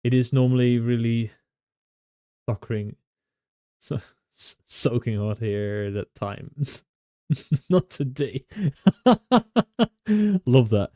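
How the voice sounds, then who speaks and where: A man's voice: medium pitch, slow pace, long pauses, dark tone, no room sound. Chatty Dutch man, dry close mic. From Netherlands. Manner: chatty, laughs often, many restarts and fillers. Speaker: streamer. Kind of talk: casual chat with viewers.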